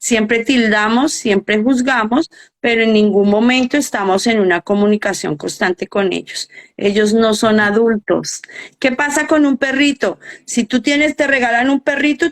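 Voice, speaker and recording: A woman's voice: on the high side, moderate pace. A middle-aged woman, a coach and educator, earnestly explaining her ideas in a live interview and often asking rhetorical questions.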